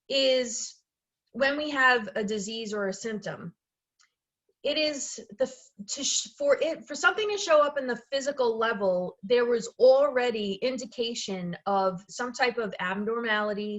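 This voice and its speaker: A woman's voice: a little high, fairly bright tone, lo-fi sound. A woman who works as a medical intuitive and energy healer, explaining her methods in an informal, chatty talk, often restarting phrases and checking in with the listener. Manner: chatty, self-correcting, frequently checks in with "okay" and "right".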